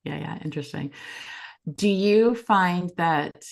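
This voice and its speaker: A woman's voice: on the low side, takes it slowly, creaky. A woman hosting a podcast conversation, asking questions and backing the guest with frequent short affirmations. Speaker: podcast host.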